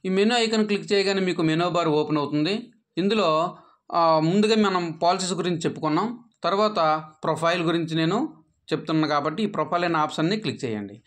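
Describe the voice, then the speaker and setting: A man gives a patient, step-by-step tutorial on an app, pausing on "aa" fillers and dropping his voice at the end of each sentence. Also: fairly bright tone. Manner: patient, instructive, with frequent "aa" fillers; drops pitch at sentence ends. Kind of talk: step-by-step screen tutorial narration.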